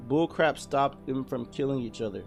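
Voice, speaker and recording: A man's voice: mid-range voice, moderate pace, gravelly, soft background music, close to an everyday voice. Man reading as a bitter, grumbling musician. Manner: grumbling, resentful. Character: bitter angry male musician, fed up with everyone.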